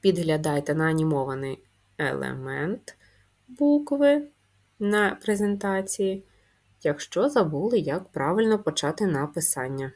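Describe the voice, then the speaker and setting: A woman teaches young children to write a letter. She speaks in a low voice at a very slow, patient pace. She asks questions and answers them herself. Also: a little mellow. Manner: patient, drawn-out, answers her own questions. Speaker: primary school teacher. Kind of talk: slow, clearly spelled-out handwriting lesson.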